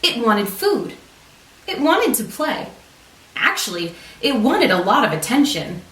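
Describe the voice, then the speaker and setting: Echoey, expressive woman reading a storybook. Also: a little high. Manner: expressive, deliberate storytelling for children. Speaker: storybook reader, teacher. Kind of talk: read-aloud picture book narration. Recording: roomy echo, distant microphone.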